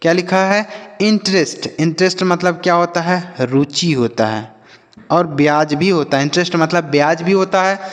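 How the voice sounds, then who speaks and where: A man's voice: a little high, in a large hall. Patient man teaching children to read. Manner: patient, asks and answers his own questions; spells out letters slowly. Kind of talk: English reading lesson for children.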